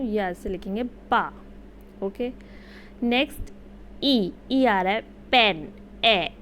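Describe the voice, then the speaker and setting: Slow, patient woman teaching shorthand. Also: fairly high pitch, slight background noise. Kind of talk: casual Hindi-English lesson.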